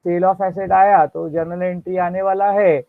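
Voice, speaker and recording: A man with an Indian accent teaching accounting in a lecture, dictating entries slowly and quizzing his students. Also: sits high, flat delivery, creaky, no room sound. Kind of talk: classroom lecture mixing Hindi and English. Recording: dry, tinny phone-like sound.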